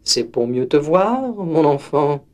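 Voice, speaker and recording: A man voicing a sly, hungry wolf pretending to be a grandmother in a storybook, speaking in a soft, coaxing way. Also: on the high side, big pitch swings, slow pace.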